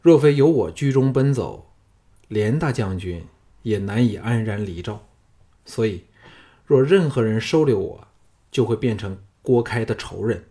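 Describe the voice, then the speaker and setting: A man with a husky voice reading a cool, self-assured male swordsman hero in an audiobook, speaking low and measured. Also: full character voice. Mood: calm. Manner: calm, low, measured speech. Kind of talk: audiobook character voice.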